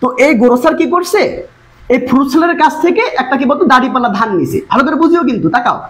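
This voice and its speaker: Woman tutor, exam-prep lesson, rapid and coaxing, high voice. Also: expressive, rough recording. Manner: fast, coaxing, repeatedly urging students to look. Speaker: English tutor.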